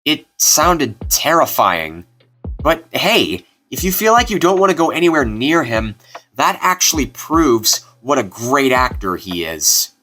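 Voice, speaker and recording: A man's voice: fairly high pitch, pushed and bright. A man hosting a video, giving casual scripted commentary. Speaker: video host. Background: music.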